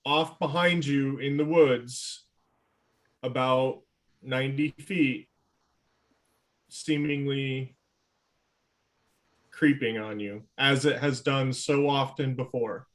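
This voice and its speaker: Man, game master, slow, measured, hesitant. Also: mid-range voice. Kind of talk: narrating a tabletop game.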